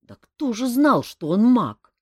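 A woman's voice: on the high side, very animated, takes it slowly, slightly rough, no room sound, pitched above the performer's own voice, full character voice. A fretful, pleading tavern keeper , as a woman reads him, fussing over his customers. Dry, close sound. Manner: anxious, pleading. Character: fretful middle-aged male tavern keeper.

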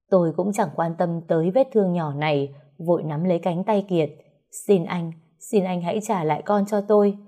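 A woman's voice: on the low side, warm tone. A woman narrating a story in the first person, in a sorrowful, pleading way.

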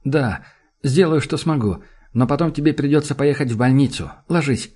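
A man voicing a stern male doctor with icy sarcasm who turns to angry shouting, in an audiobook reading. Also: medium pitch, moderate pace, breathy edge, lightly acted. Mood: measured.

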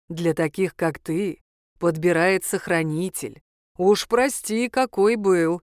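A woman voicing a gruff, mocking male reaper who speaks curtly and drily. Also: on the low side, no echo. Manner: dry, sarcastic, curt. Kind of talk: audiobook character voice.

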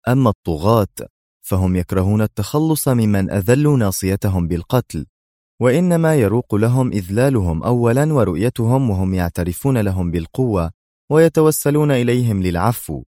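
A man voicing a cool, sarcastic male secret agent who talks with calm, mocking ease. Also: lowish voice, fairly quick, no room sound, studio quality, lightly acted.

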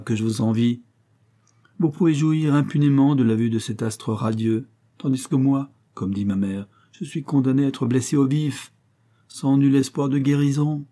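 A man reading aloud, voicing a lovestruck young gentleman who speaks in an ardent, pedantic way. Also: mid-range voice, natural voice.

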